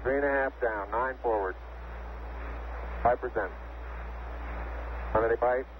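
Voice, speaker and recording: A man's voice: medium pitch, measured pace. A spacecraft crew member, a man, making terse numeric callouts over a crackly space radio transmission with beeps. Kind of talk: radio communications. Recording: tinny, noisy archival radio link.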